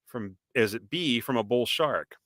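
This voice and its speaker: A man with a Boston accent co-hosting a live-stream podcast, chatty and animated, reading out viewer comments and quizzing his co-host. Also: medium pitch, a little slow, no room sound. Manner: animated, reads out viewer comments, laughs often. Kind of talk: casual live-stream chat.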